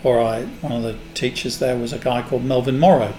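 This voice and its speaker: A man in his sixties from England, a guest in an interview, telling unhurried stories about his past. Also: mid-range voice, steady tone, mellow. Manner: unhurried, anecdotal storyteller. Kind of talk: reminiscing in a casual interview. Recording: echoey room with faint noise.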